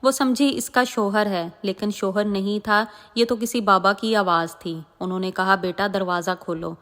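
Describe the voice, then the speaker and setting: A woman's voice: mid-range voice, fairly bright tone. A woman narrating a moral religious story with dramatic, emotive delivery. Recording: long echoing reverb.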